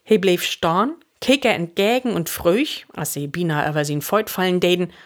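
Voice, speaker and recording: A woman reading a story aloud, switching to high, excited voices for the boys' dialogue. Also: normal speed. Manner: lively, shifts into high excited voices for the boys.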